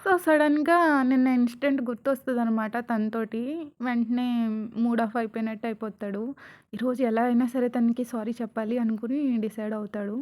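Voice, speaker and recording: High-pitched woman telling a story. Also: fairly even intonation, normal speed, darkish tone. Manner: chatty, retelling a serial plot. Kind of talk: casual story narration.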